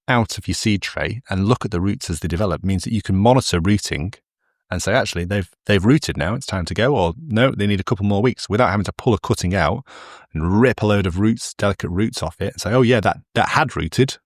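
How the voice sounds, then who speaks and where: A middle-aged man with a very deep, low voice, chatting his way through a solo podcast. He wanders off on tangents and pokes fun at himself. The sound is dry and close, with no room in it. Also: vocal fry, no echo. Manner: rambling, chatty, self-deprecating asides. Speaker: podcast host. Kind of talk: casual solo podcast monologue.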